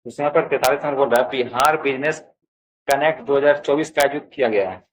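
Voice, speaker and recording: On a rough recording, a fast-talking man with a medium-pitched voice and Bihari Hindi accent teaches an exam answer key. He treats viewers as friends and goes through the options one by one at a steady explanatory pace.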